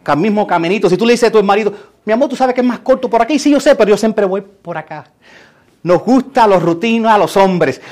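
A middle-aged man, preaching a lively sermon and acting out quotes, sometimes shouting. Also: sits high. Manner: animated, acts out quotes and shouts for emphasis. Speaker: pastor.

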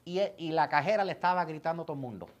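A man preaching a sermon in a church, pausing often for an interpreter and repeating words as he goes. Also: fairly high pitch, dull audio.

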